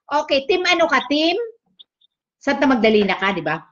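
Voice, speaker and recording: Chatty woman streamer teasing a guest, high voice, muffled lo-fi sound. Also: big pitch swings, moderate pace, fairly bright tone. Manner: chatty, teasing, reads out viewer comments. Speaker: livestream host. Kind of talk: casual livestream chat. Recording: dull lo-fi stream audio.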